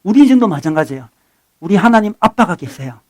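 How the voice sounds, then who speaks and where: A middle-aged man preaching a sermon as a pastor, conversational and animated, swinging between loud bursts and soft asides. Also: high-pitched, fast talker. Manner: acts out dialogue with his son.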